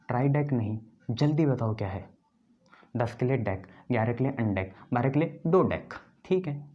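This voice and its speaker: A man's voice: medium pitch, muffled recording. A man teaching a chemistry lesson, quizzing his students and repeating the key terms. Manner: quizzes students, answers his own questions.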